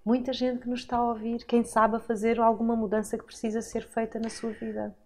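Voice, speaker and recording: A woman's voice: on the high side, monotone, brisk, warm tone. A woman hosting an interview podcast, encouraging her guest with affirming murmurs and short prompts. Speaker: podcast host. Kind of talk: casual interview chat.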